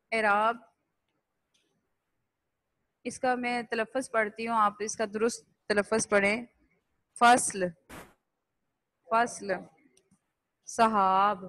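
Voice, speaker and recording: Woman teacher drilling words, flat and dry. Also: fairly high pitch, dry recording, low-quality recording. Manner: slow, drilled repetition, spelling out vowel marks. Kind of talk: classroom lesson, reading word lists aloud.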